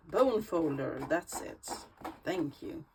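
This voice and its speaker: Speaking extremely slowly, a Swedish woman with a low, gravelly, expressive voice leads a casual craft tutorial for her channel. Swedish is her native language and shapes her accent, and she chats with hesitant fillers as she works, over a noisy background.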